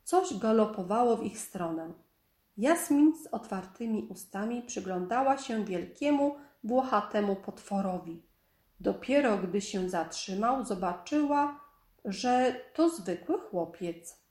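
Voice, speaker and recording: A medium-pitched female voice tells a children's story from a storybook, reading with calm, measured pacing. Echo from the room is audible in the recording.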